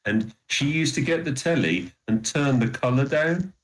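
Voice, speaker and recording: A man's voice: mid-range voice, normal speed, poor audio. A man in his fifties with a British accent, chatting easily and telling jokey family stories. He co-hosts a casual podcast and talks at an easy, conversational clip. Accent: British English. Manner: chatty storyteller, relaxed and jokey. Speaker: podcast co-host. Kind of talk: casual chat.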